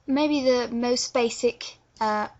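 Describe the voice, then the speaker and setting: A Londoner with a fairly high, slightly mellow voice speaks slowly in a casual vlog teaching accents. She explains hesitantly and often trips over her words. The webcam audio is dull and lo-fi.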